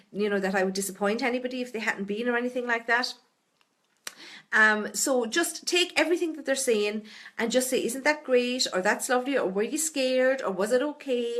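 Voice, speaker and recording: A woman's voice: fairly high pitch, fairly bright tone. A middle-aged woman with a Tipperary Irish accent, answering viewers' questions in a chatty, reassuring live stream full of "you know" and "okay?". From Ireland. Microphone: webcam or phone on a live stream.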